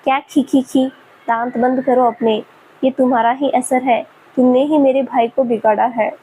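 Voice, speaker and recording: A woman's voice: sits high, fairly even intonation, moderate pace, warm tone, slight background noise, lightly acted, poor audio. A woman voicing a young man, a professor son who teases and sulks. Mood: grumpy. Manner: mock-grumpy, teasing.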